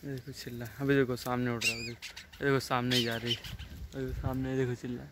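A man's voice: medium pitch, little pitch movement, fast, very noisy. A man vlogging casually outdoors near trees and a farm, chatty and always telling viewers to look. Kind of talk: casual vlog narration. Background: birds and animals calling.

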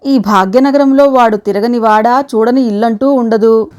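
A woman voicing a fretful, sharp-tongued older wife, sarcastic and anxious, in a read-aloud story. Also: a little high, normal speed, natural voice. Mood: anxious scolding.

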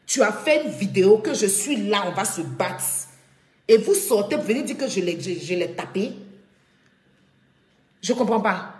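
A woman's voice: medium pitch, expressive, moderate pace, pauses often, a little mellow. A woman speaking on a live video from her home, indignant and repeating her points with emphasis. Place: at home, echoing room. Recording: echoey room.

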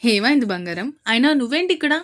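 A man's voice: extremely high pitch, sing-song, quick pace, a bit bright, exaggerated voice. A woman voicing a cheeky young man who teases and dodges his angry friend in a romance story. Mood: cheerful. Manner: pleading, cheeky. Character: playful young man, teasing friend, dodging.

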